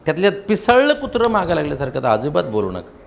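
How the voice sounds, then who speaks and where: Male speaking trainer, fairly high and very lively voice, emphatic lecture to a room. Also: quick pace, vocal fry, slight background noise. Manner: animated and emphatic, demonstrating loud and soft delivery. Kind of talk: motivational classroom lecture.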